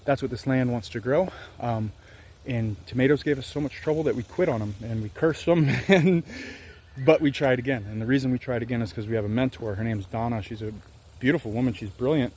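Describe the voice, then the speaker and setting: This farm vlog comes from a thirty-something organic farmer in Louisiana, US, filming outside with a handheld camera at arm's length. He talks fairly quickly in a medium, darkish voice, candid, rambling and self-deprecating.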